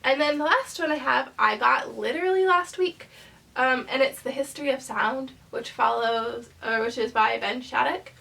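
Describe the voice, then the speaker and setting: A woman's voice: sits high, normal speed, gravelly, fairly bright tone, far from the mic, poor audio. A young woman with a congested voice from a cold, chatting casually in a rambling way about her book haul as a channel host. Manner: chatty, rambling, many ums and likes.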